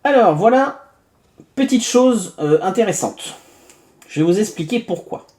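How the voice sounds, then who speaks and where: A man's voice: high-pitched, lively intonation, a little slow, a little mellow. A man from France hosting a casual unboxing review, chatty and full of hesitations and little asides as he narrates each step. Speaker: tech reviewer.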